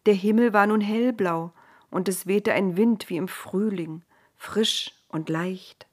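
Slow, gentle woman storyteller. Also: mid-range voice. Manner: gentle, drops to a whisper at times. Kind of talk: scripted storybook narration.

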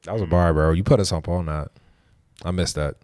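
Casting: male American podcast co-host, low pitch, close dry sound, informal slangy chat. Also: a little fast, a little mellow, no echo. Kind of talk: casual banter.

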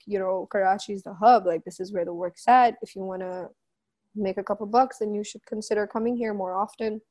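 A woman's voice: mid-range voice, mellow. A woman in her twenties with a Pakistani accent, telling her story frankly and informally as an interview guest, slipping between English and Urdu. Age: 20s. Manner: frank, informal, with quoted asides. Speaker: interview guest, musician and model. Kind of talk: candid conversational storytelling, mixing in Urdu phrases.

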